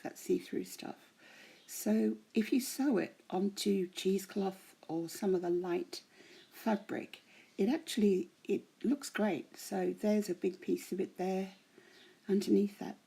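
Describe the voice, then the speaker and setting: Tired, croaky middle-aged woman crafter, rambling and often slipping into whispers; husky, very dark tone. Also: mid-range voice, steady tone, unhurried. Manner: chatty, rambling, many ums, drifting into whispers. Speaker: crafting vlogger. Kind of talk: casual show-and-tell vlog.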